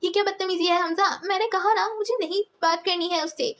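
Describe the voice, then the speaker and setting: A woman voicing a headstrong young woman in an audiobook, defiant and quick to shout. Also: very high voice, fairly even intonation, slight background noise, voice pushed up.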